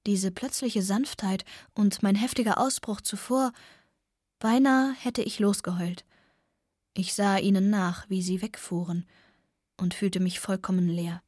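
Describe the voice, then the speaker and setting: A woman reading a first-person novel aloud, soft and often close to a whisper. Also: medium pitch, fairly even intonation, a little slow, dry recording. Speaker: audiobook narrator.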